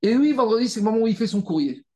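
A man teaching a Talmud study class, animated and repetitive, rallying his students with frequent asides. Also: high-pitched, rapid-fire. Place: study room with students, also streamed on video call. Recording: echoey room.

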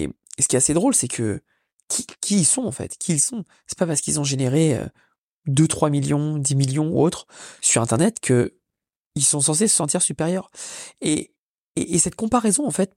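A man's voice: mid-range voice, a little mellow, dry recording, studio quality. A French man hosting his own podcast, talking casually and energetically on his own with many fillers and restarts. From France. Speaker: podcast host. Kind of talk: casual solo podcast monologue. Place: lives in Orlando.

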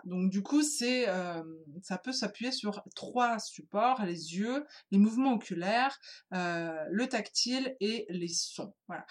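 French woman explaining, full of fillers. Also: mid-range voice. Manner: hesitant, many fillers and restarts; addresses listener informally. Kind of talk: casual explanatory talk.

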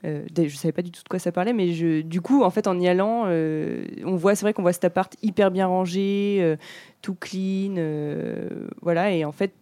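Podcast co-host, woman, late 20s, warm mellow tone, halting casual delivery, dry close mic. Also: on the low side, dry recording. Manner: hesitant, many fillers and restarts. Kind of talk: casual film-review chat.

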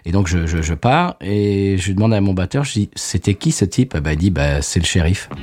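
A man co-hosting a podcast, telling a story in casual chat with a joking, animated manner. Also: sits low, a little fast. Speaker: podcast co-host.

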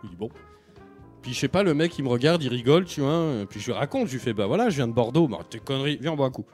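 A man's voice: mid-range voice, expressive, very fast, a little mellow, soft background music. A man casually telling a road trip story in slangy chat, acting out the people he met.

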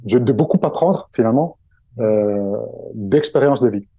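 This guest, an Italian man who makes book summaries, talks in French with an Italian accent during a relaxed interview conversation, often pausing on fillers and starting over. The mid-range voice is mellow and dark, and the recording is close and dry, free of room echo.

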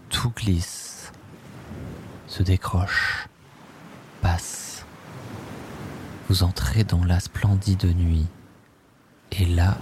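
A man narrating a guided sleep meditation, speaking softly and repeating words in a slow, hypnotic way. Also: deep voice. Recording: steady ocean wave noise behind. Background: ocean waves.

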